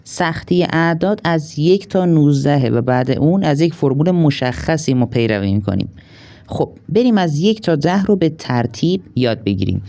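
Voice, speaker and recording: A man teaching an online language lesson, drilling words slowly and clearly and repeating each one. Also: on the high side, animated, warm tone. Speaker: English teacher.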